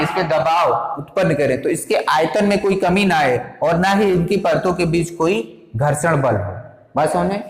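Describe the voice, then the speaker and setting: A male teacher explaining a lesson step by step, often pausing to check that his students follow. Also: high voice. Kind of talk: classroom physics lesson. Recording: echoey room with long reverb.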